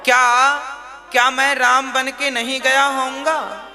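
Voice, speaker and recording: A man's voice: extremely high pitch, flat delivery, takes it slowly, full character voice. A male preacher voicing a proud demon king who weeps and pleads in self-pity. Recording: music playing behind.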